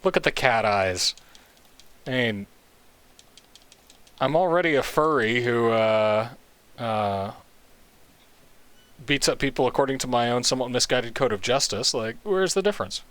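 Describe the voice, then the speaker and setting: A man's voice: mid-range voice, lively intonation, unhurried, long pauses, fairly bright tone, dry recording. Jokey man narrating his gameplay. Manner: jokey, self-mocking. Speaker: let's play host. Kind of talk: casual gameplay commentary.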